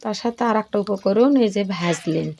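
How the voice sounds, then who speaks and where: A talkative older woman records herself cooking in her home kitchen. Her voice sits at an ordinary middle pitch and she keeps checking that her viewers follow. A faint noise hums behind her, with small clicks from the kitchen. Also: fairly quick, gravelly, dark tone. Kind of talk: casual cooking demonstration.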